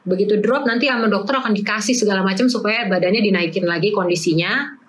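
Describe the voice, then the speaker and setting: A woman's voice: mid-range voice, fast talker, rough recording. Woman telling an emotional personal story. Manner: emotional, personal storytelling mixing in English phrases. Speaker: guest telling her story. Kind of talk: casual chat.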